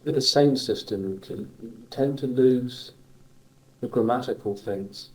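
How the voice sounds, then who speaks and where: A man's voice: mid-range voice, measured pace, low-quality recording. A man with a Cornish West Country accent, chatting casually as an interviewer with hesitant, short probing remarks. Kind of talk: casual conversation about dialect.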